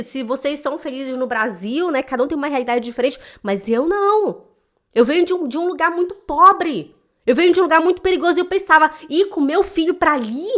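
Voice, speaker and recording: A woman who teaches German, telling a personal story to the camera in an emotional, animated way and often adding "né?" to her sentences. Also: sits high. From Brazil (Belém do Pará). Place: lives in German-speaking Switzerland.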